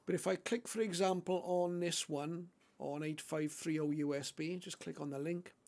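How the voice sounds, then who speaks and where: A middle-aged or older man gives an informal shortwave radio tutorial, commenting over a website demo. He explains step by step in loose, hesitant phrasing. His voice is on the high side and darkish, steady in tone, at a moderate pace.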